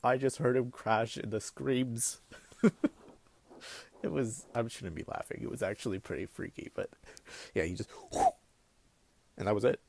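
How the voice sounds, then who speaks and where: A young man telling a comic personal story in an animated way, now and then breaking into laughter. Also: mid-range voice, a little slow, creaky, pauses often.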